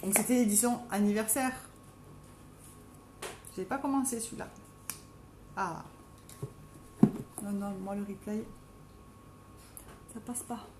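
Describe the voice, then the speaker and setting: A middle-aged woman with a Marseille accent, doing her makeup live at home and chatting casually with viewers by name, self-mocking, with a strong, deep voice. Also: takes it slowly, pauses often, heavy background noise. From Marseille, France. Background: dogs playing now and then.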